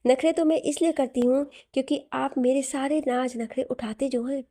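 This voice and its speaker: Brief: childlike, tearful young wife, voiced by a woman, high and bright-eyed, pleading, teasing. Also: steady tone, moderate pace. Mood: playful. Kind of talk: audio story reading.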